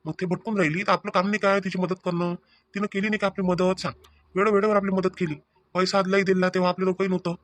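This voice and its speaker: A man's voice: high voice, little pitch movement, quick pace, fairly bright tone, dry recording. Man voicing an exasperated village husband. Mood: arguing. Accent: Vidarbha Marathi. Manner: arguing, threatening. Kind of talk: cartoon family comedy.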